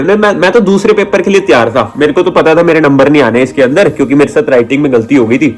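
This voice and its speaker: A chatty young man telling stories and giving tips in a casual vlog, often acting out people and sounds. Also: mid-range voice. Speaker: vlogger giving exam tips.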